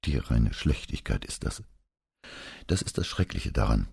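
A sharp-tongued, earnest middle-aged wife, put on by a male narrator. She speaks bluntly, in a deep, husky voice. It is a storybook reading. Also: very animated, a little slow, dry recording, studio quality, heavily acted.

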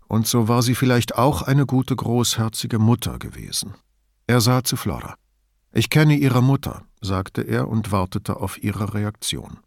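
A man narrating an audiobook in a steady, even storytelling voice. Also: on the low side, creaky, dry recording, studio quality. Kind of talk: scripted narration.

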